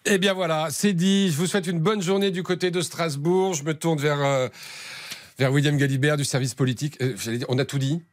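A man's voice: a little high, fairly even intonation, fairly quick, dry recording, clean studio sound. A man hosting a live radio call-in show.

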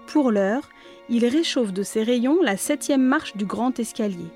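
A woman narrating a children's storybook aloud in a clear, expressive manner. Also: on the high side, unhurried, soft background music.

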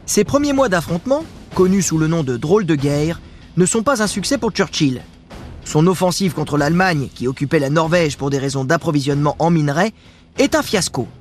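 A man's voice: fairly high pitch, animated, a little fast, soft background music. A man giving scripted history narration with casual asides, talking straight to the listener in a chatty way. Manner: chatty, addresses the listener directly.

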